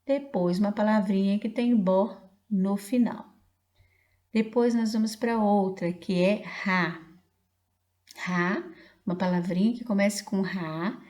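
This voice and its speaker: A woman's voice: fairly low pitch, warm tone. A woman teaching a reading lesson to young children, patiently spelling out syllables letter by letter. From Brazil.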